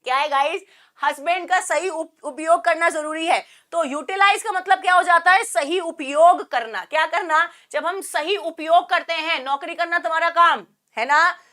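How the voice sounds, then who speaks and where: A young woman with a sore throat teaching an online vocabulary class, joking and firing quick questions at her students. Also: extremely high pitch, pushed and bright. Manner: playful, jokey, quizzing students with quick questions. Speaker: English teacher.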